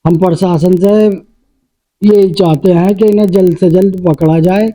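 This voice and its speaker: A man's voice: sits high, fairly even intonation, normal speed, mellow, low-quality recording. A man in a field interview, insistently demanding arrests and justice from the authorities. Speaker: community member demanding justice.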